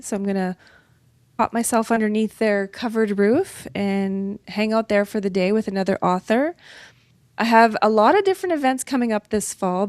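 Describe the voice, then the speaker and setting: A woman's voice: mid-range voice, a little mellow, no echo. A middle-aged woman from northern Ontario, a guest author chatting casually and upbeat in an interview. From northern Ontario, Canada. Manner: chatty and upbeat, laughs easily.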